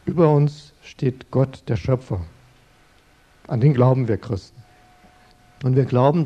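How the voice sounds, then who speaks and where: Mellow-voiced man giving a sermon. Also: medium pitch, highs cut off. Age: middle-aged. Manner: earnest, conversational, addresses listeners directly. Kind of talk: sermon-style talk.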